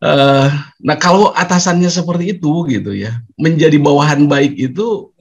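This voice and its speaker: A man's voice: fairly high pitch, moderate pace, gravelly. A man taking part in an online seminar, politely asking a formal question over a video call.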